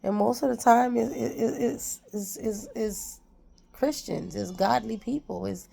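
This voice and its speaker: Gravelly-voiced woman giving heartfelt advice. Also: a little high, a little slow, warm tone, slight background noise. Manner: repeats phrases for emphasis, preachy and heartfelt. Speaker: vlogger. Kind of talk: casual motivational talk.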